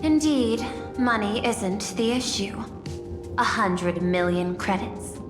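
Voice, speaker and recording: A composed, calculating machine intelligence running a company in a game drama. The words are formal and precisely placed with dry wit, at a medium pitch. Long reverb surrounds the voice, with music underneath. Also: female voice, animated, slow. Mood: dryly teasing. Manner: formal, composed, precisely articulated, dryly teasing. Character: cool, calculating female-voiced artificial intelligence CEO.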